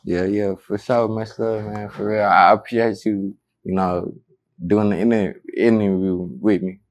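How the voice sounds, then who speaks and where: A man's voice: level tone, unhurried. A young man, a rapper, answering interview questions in short, mumbled, slangy replies, seated indoors on a lapel mic. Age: young adult. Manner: terse, mumbled, low-key, slangy. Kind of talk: casual interview.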